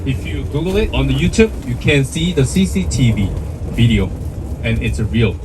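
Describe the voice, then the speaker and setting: A man's voice: medium pitch, expressive. Korean-accented male tour guide over vehicle noise. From South Korea. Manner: halting, simple phrasing in non-native English. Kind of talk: informal explanatory talk to a tour group.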